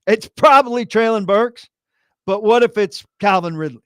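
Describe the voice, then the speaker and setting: Male co-host from New Jersey, high-pitched and crisp, blunt casual sports talk. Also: moderate pace, no room sound, clean studio sound.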